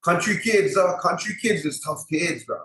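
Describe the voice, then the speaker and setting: Speaking at normal speed in a high, slightly bright voice, a Hawaiian-accented podcast guest who fights MMA and owns a gym talks informally. He repeats himself and uses colloquial grammar, in an echoey, roomy recording.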